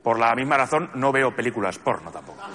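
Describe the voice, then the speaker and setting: Spanish comedian, deadpan and lively pitch. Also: male voice, quick pace. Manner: deadpan, lists grievances, acts out quoted people. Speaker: stand-up comedian. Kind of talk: stand-up monologue. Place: theatre stage with live audience. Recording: stage mic with audience laughter and noise.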